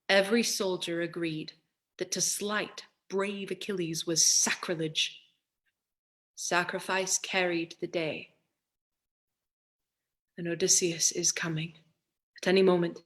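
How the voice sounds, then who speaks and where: A woman's voice: on the low side, fairly bright tone. An actress voicing a woman of the chorus, speaking verse with urgent rhythm. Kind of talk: stage play reading.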